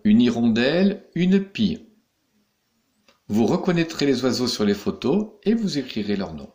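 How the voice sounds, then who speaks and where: Male teacher talking slowly to little kids, patient, voice going up and down a lot. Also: medium pitch, a little mellow. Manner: slow, patient, spelling out each step. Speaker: primary school teacher. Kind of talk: recorded remote lesson instructions for young pupils.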